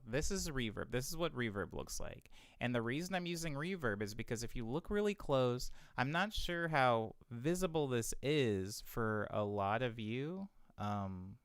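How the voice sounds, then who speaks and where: A young man casually explaining audio effects to stream viewers, excitable and thinking aloud. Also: mid-range voice, clear, resonant tone, no room sound, studio quality. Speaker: music producer streaming a tutorial.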